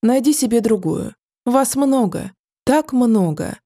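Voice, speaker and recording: A woman's voice: fairly high pitch, animated, warm tone, dry recording, clean studio sound, pitched above the performer's own voice. A woman voicing an ancient male ash tree spirit with a rustling, sneering voice, in an audiobook. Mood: mocking. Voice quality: rustling, wind-like whisper. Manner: sly, sneering, drawn-out.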